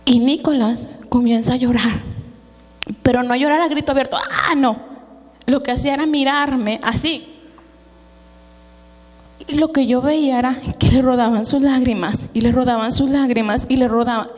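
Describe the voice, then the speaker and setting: High-voiced Mexican woman preaching in a hall. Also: fairly even intonation, normal speed, long pauses. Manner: emotional storytelling that mixes in English words. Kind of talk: personal testimony sermon. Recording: long hall reverb.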